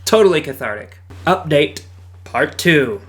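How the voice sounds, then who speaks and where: A man reads online posts aloud in a casual way, with a voice that sits a bit high for a man. He breaks off into jokes and quick asides, laughing often. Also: lively intonation. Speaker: host reading online posts. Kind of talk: casual read-aloud with commentary.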